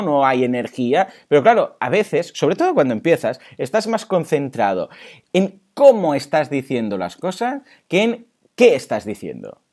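Male podcast host, middle-aged, chatty, talks straight to listeners; lively, animated pitch. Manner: chatty, addresses listeners directly. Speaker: podcast host teaching marketing. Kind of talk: casual solo podcast lesson.

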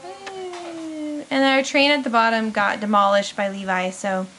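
A woman's voice: a little high, fairly even intonation, measured pace, fairly bright tone, slight background noise. A woman from Canada filming her kids at home for a family vlog, speaking to them in an encouraging, praising way. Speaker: vlogger, mother.

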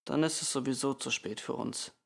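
Male reader doing a steady, grim audiobook father, low-key and gravelly. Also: a little fast. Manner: quiet, calm, turning sharp when exasperated. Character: calm weary father, middle-aged man.

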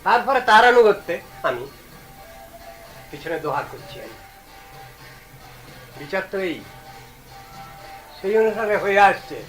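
A man's voice: high voice, very animated, a little slow, pauses often, a bit bright, faint music behind, poor audio. A man giving a devotional discourse as a Vaishnava preacher, emphatic and stern, posing rhetorical questions.

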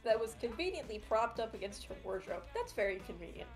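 A woman's voice: fairly high pitch, very animated, fast talker, soft background music. Sarcastic woman reading a story on stream. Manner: sarcastic, swears freely, breaks off to joke. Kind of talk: reading a story aloud with casual commentary.

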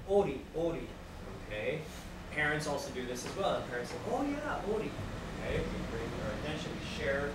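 A man giving a classroom lecture to students, lively and acting out examples as he explains. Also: mid-range voice. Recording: very echoey room, distant mic, background noise.

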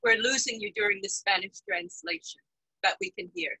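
A woman in her sixties moderating a panel over a video call from home, asking lively, probing questions. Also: on the high side, fairly quick, vocal fry, husky, dry recording, low-quality recording. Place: home room, indoors. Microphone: webcam on video call.

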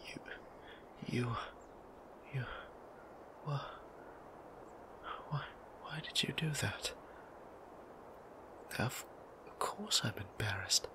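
Playing a gentle, bashful vampire priest who has lived for centuries, a man performs an intimate ASMR roleplay in an animated way. His low voice is breathy and whispery, halting and stammering in flustered, genteel old-fashioned language.

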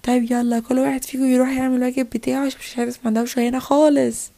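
A woman's voice: high-pitched, level tone, rapid-fire, gravelly, warm tone. A woman with an Egyptian accent voicing a strict, bossy babysitter in a toy play video. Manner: bossy, scolding.

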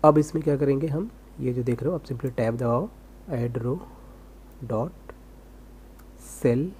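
A programming tutor gives a casual screen-recorded coding lesson, talking while he types and asking himself rhetorical questions. His mid-range voice is mellow and slow, with slight background noise.

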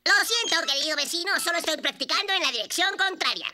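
A performer voicing a brash, mischievous and excitable cartoon woodpecker with a squeaky voice and cheeky, taunting delivery. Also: fast talker, heavily acted. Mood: excited. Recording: loud cartoon music behind.

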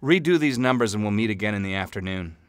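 Male actor as senior boss, puppet parody; sardonic, very expressive, close dry sound. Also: lowish voice, fast, no room sound, close to an everyday voice. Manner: sarcastic.

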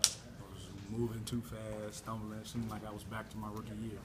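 A young male basketball player answering postgame questions in a crowded locker room, relaxed and often adding "man" and "you know". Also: on the low side, brisk, heavy background noise. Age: young adult. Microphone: reporters' recorders and camera mics held close. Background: loud crowd chatter.

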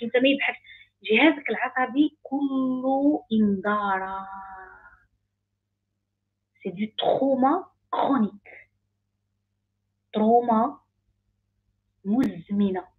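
Moroccan woman coach, rapid emphatic delivery, husky voice, phone-quality sound. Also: fairly high pitch. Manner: emphatic, repetitive, rising intensity. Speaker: life coach. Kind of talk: animated online talk.

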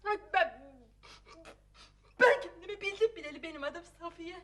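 A woman's voice: very high voice, animated, moderate pace, very noisy. An actress playing a fiery middle-aged mother who scolds her family and her husband. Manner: scolding, sharp-tongued, flares into shouting. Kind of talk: TV comedy-drama acting.

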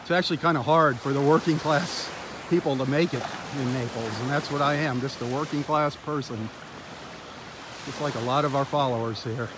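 A man's voice: medium pitch, normal speed. A man hosting a live beach walk stream outdoors, chatty and enthusiastic as he talks straight to his viewers through a handheld phone. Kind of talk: casual live-stream narration. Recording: loud outdoor noise of surf and wind.

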